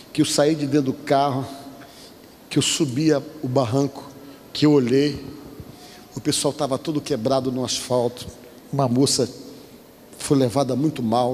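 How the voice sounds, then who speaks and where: In a church, a Brazilian pastor tells a personal story as part of his sermon, acting out the voices of the people in it. His voice is on the high side, with a big-room sound and a little hiss or hum.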